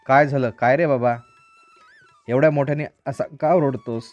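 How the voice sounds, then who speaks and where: A man voicing a gentle, welcoming mountain who speaks like a kindly elder in a storybook tale. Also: mid-range voice, fairly even intonation, normal speed, no echo, soft background music, close to an everyday voice. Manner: warm, welcoming. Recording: dry, slightly dull recording.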